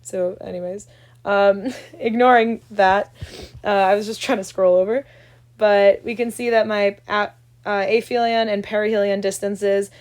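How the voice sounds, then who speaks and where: A woman's voice: medium pitch, fairly even intonation, measured pace, darkish tone. A young woman, teaching an astronomy lab tutorial in a loose, chatty way and often asking "right?". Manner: chatty, loose, full of "right?" check-ins. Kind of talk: casual screen-recorded tutorial.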